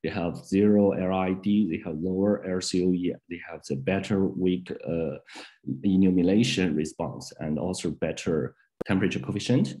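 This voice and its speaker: Low-voiced man giving a halting sales presentation. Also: warm tone. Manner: halting, many "uh" fillers, non-native phrasing. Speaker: sales director presenting products. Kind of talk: webinar product presentation. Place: indoor office, on a video call.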